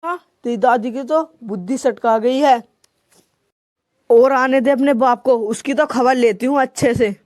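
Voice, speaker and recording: A fierce, scolding mother who snaps at her husband in a comedy skit, played by a woman. Her voice is high and the sound dry. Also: a little slow, darkish tone, dry recording, close to an everyday voice. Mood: angry. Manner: snapping, scolding.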